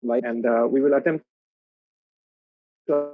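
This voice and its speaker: A man's voice: mid-range voice, steady tone, a little slow, dry recording. Man lecturing over a choppy, cutting-out call. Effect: cutting-out video call connection. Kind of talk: Islamic studies lecture. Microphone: video call. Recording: dull, dry video call audio.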